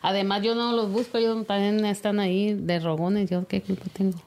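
Mellow-voiced mother, frank and plainspoken. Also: medium pitch, flat delivery, moderate pace, a little hiss or hum. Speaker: host's mother, guest. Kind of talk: casual podcast chat.

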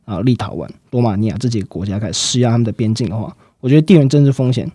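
Dry, close-miked audio with no room sound captures a man discussing the markets in a brisk, chatty financial commentary. His mid-range voice is dark and slightly husky, and he explains things step by step, often using fillers and trailing particles.

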